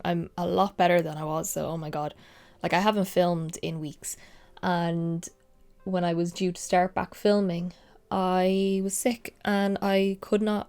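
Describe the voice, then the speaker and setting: Still getting over a cold, a young woman sounds congested as she talks through a makeup tutorial in a laid-back, chatty manner. Her voice is fairly low, clear and resonant but with a slight nasal, sniffly edge, and she occasionally slips into quiet whispers.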